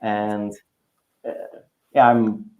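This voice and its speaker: In a laid-back interview, a guest author from the Czech Republic who teaches writing talks very slowly with a fairly low, warm, flat-sounding voice and a Czech accent. His speech wanders, full of fillers and restarts, captured in dull, roomy lo-fi sound.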